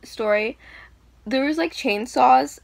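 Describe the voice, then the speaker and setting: A woman's voice: high voice, slow, creaky, no room sound. A young woman telling stories casually, rambling with many fillers and acting out what people said. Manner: animated, acting out quoted screams. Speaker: vlogger. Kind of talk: casual storytelling.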